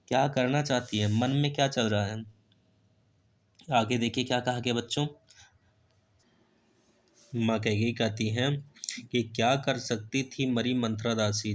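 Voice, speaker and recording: A man teaching a poetry lesson to students, reading verses slowly and then explaining them in plain words. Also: medium pitch.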